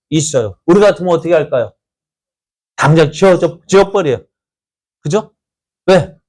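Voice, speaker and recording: A male pastor delivers a sermon in a warm storytelling way, his voice sitting a little higher than most men's. He keeps turning to the congregation with quick rhetorical questions and answering them himself. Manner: storytelling, conversational preaching.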